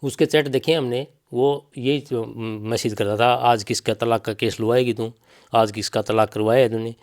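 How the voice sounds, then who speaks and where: A middle-aged man with a Haryanvi accent, grieving a lost child, speaks in an interview in a steady, mid-range voice at a normal pace. He presses his testimony, repeats himself, and relays others' words.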